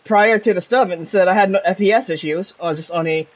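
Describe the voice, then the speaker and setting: High-pitched and fast-talking, this man streams a game with casual, rambling commentary that often trails off before he finishes a thought. Game music plays behind his voice.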